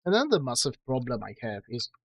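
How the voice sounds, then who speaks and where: This streamer's medium-pitched voice is very animated and fairly quick, recorded without echo, yet he still sounds tired and strained in the throat. Chatting casually on a livestream while reading his own book, he rambles, jokes at his own expense, and fills the talk with fillers and restarts.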